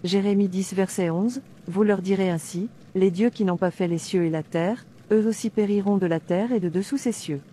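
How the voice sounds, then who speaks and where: In a dubbed cartoon, a woman voices a devout, defiant princess, delivering sermon-like lines with earnest, preacher-style declamation and quotes from scripture. Her mellow, natural voice sits at medium pitch and moves at a moderate pace with hardly any pauses, and she sounds firm and devout. A slight background noise is audible.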